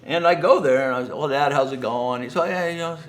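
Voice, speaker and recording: An older American man from the Los Angeles area, a business founder appearing as a guest speaker, tells personal stories to an audience conversationally, acting out remembered dialogue. His voice is fairly high and fast, with a little hiss or hum in the recording.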